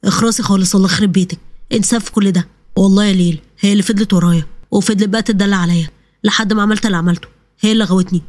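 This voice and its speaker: A lowered, rushed male voice, a young Egyptian man begging forgiveness and shifting blame, as a woman storyteller puts him on. He sounds defensive and sheepish. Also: fairly even intonation, darkish tone, no echo, close to an everyday voice. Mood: angry. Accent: Egyptian Arabic. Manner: pleading, defensive. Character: cheating young man, pleading and blaming.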